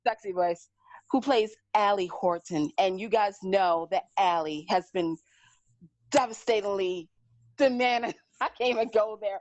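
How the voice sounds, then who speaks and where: A woman's voice: mid-range voice, unhurried, no echo. A woman co-hosting a casual soap chat show, chatty and playful with giggles. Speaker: co-host. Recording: dry, slightly dull sound.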